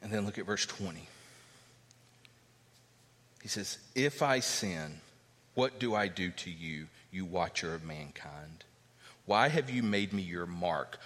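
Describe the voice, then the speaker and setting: A man preaching a sermon, reading scripture aloud and explaining it, his voice lifting for emphasis. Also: a bit bright. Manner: expository preaching, reads scripture aloud, rises in pitch for emphasis. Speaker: pastor. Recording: long hall reverb.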